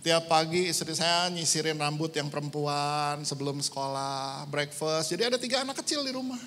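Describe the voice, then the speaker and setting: A middle-aged man from Indonesia preaching a sermon as a pastor, telling a story and dropping English phrases into his talk. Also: normal speed. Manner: storytelling, lively swings in pitch and loudness, mixing in English phrases. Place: church hall. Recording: church hall with long reverb.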